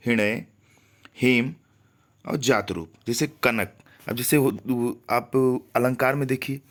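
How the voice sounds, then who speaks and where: A man teaching a grammar lesson for exam preparation, reading out lists of synonyms one word at a time and stressing careful pronunciation. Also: mid-range voice. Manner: slow, deliberate listing with frequent pauses and repetitions.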